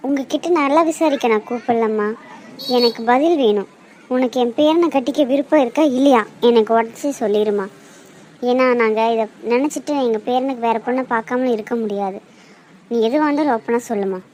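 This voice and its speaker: A woman's voice: a little high, fast, a little mellow, slight background noise, lightly acted. A woman doing a stern old grandmother. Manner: firm, demanding. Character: stern elderly grandmother on the phone. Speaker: grandmother of the groom.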